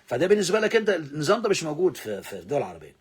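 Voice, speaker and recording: A man with an Egyptian Arabic accent teaching English, repeating words slowly for pronunciation drills and swinging between loud emphasis and low asides. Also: sing-song, slightly rough. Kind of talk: English lesson explained in Arabic.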